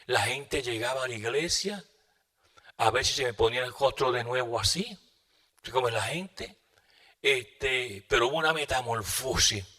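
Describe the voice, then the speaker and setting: A man preaches a sermon, recounting a testimony with dramatic flair. His voice is bright and ringing at an ordinary pitch. He swings between loud, urgent bursts and quiet, hushed asides. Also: normal speed.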